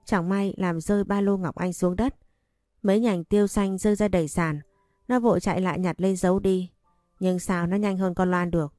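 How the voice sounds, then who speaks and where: A woman narrating a first-person story in an even, unhurried reading voice. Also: fairly low pitch, dry recording, studio quality, soft background music.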